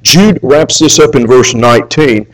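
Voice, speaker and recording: A man preaching a sermon, reading scripture aloud and swinging between raised emphasis and hushed asides. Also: mid-range voice, a little slow, low-quality recording.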